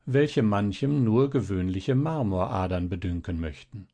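A man's voice: on the low side, expressive, measured pace, dark tone. A man reading aloud and voicing a haughty noble lady who is secretly a fairy, speaking with an indignant edge. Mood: polite. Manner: indignant, raised voice.

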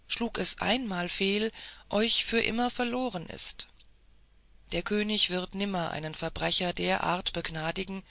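A reader voicing a wise older male adviser giving measured, grave counsel. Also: medium pitch, creaky, pushed and bright, no echo.

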